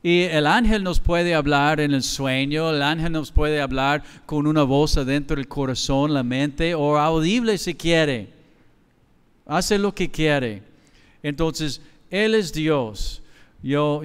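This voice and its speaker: A middle-aged Mexican man preaches as pastor at an unhurried pace, in a fairly high and smooth voice. He talks conversationally and slips into quoted dialogue. His words trail through the long reverb of a large church hall. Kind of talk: sermon.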